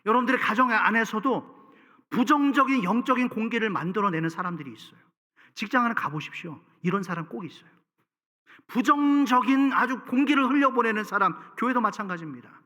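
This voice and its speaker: A man's voice: high voice, animated, fairly quick, sharp tone, lo-fi sound. A man preaching a Sunday sermon as pastor, building to emphatic peaks and putting questions to the congregation. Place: church sanctuary. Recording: reverberant church sanctuary.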